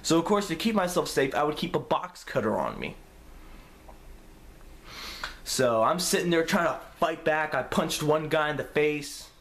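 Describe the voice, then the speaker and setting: A young man telling a story on his vlog, casual, profane and animated. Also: on the high side, normal speed. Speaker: vlogger.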